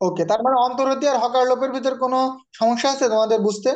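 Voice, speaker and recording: A man's voice: very high voice, steady tone, racing, darkish tone. Man teaching a Bengali grammar class. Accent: Bangladeshi Bengali. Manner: explains patiently, scolds students, calls on them by name. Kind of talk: online exam-prep grammar class.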